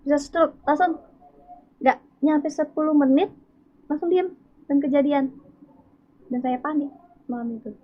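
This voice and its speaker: A woman's voice: high-pitched, unhurried, long pauses. A woman guest tells a personal faith testimony with feeling, acting out what people said. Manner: emotional storytelling, acts out dialogue. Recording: tinny, phone-like sound.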